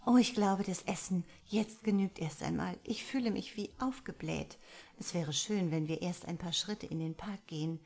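A young woman, fond yet a little impatient, bantering with her partner, as a woman reads her in her own somewhat low voice. The delivery is lively and warm-hearted, in a storybook reading. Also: moderate pace, vocal fry. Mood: affectionate. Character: affectionate, hungry young woman on a romantic getaway. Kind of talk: audiobook dialogue reading.

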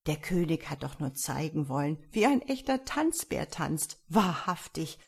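A woman voicing a vain old duke who hushes his daughter and showers flattery on the king, in a storybook reading. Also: low-pitched, measured pace, creaky, breathy edge, heavily acted. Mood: soothing. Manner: fawning, hushing, eager.

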